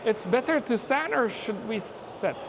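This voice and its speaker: A man's voice: very high-pitched, expressive. A man from Afghanistan vlogging outdoors at a busy conference on a handheld mic, chatting casually and narrating what he does. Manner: chatty, self-narrating, quick asides and laughs. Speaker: YouTuber and software engineer. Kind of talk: casual on-the-street vlog chat. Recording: noisy outdoor ambience.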